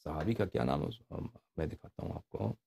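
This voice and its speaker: Male preacher, gravelly and animated, conversational sermon style. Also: extremely low pitch. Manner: explains Arabic hadith in Urdu, animated, rhetorical questions. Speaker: religious preacher. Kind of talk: informal religious lecture.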